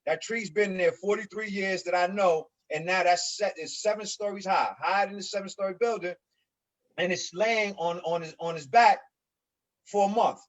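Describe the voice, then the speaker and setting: A man in his forties from New York speaks on a virtual panel about his housing community. His voice sits fairly high, and he talks in an earnest, halting way, repeating words as he works toward each point. The video call audio is dull and lo-fi. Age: 40s. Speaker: resident association leader. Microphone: video call mic.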